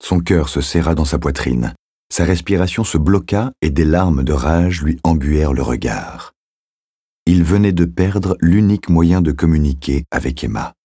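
A man narrating an audiobook in a measured, steady storytelling manner on a close studio mic. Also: very deep voice, husky, dry recording. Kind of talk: scripted narration.

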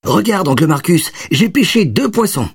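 A man voicing an excited, proud little boy in an audiobook reading, with a high, eager childlike voice. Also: moderate pace, husky, dry recording, clean studio sound, exaggerated voice. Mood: excited child.

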